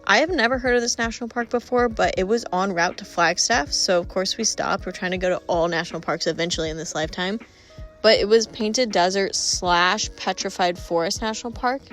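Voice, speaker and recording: A woman's voice: medium pitch, a little fast, fairly bright tone, soft background music. Chatty woman narrating a travel vlog. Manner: chatty, upbeat, lots of "like". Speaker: travel vlogger. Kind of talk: casual voice-over narration.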